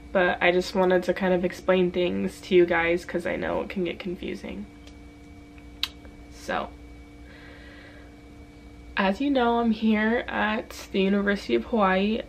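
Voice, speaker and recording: Young woman talking to her cam from her messy room, close to tears, pretty monotone, a bit of room hiss. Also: medium pitch, rough recording. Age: young adult. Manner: emotional, tearful, soft-spoken with many ums. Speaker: vlogger. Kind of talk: casual heartfelt vlog. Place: messy bedroom.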